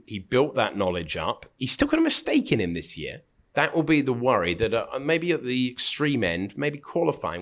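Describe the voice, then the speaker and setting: Male podcast host, energetic, emphatic. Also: on the low side. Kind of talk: sports podcast chat.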